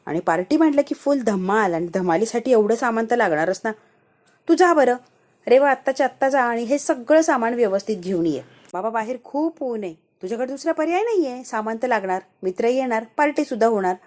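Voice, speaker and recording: A woman voicing a bossy, scheming older father who keeps repeating his loud orders. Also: on the high side, animated, a little fast, lightly acted. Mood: bossy, shouting.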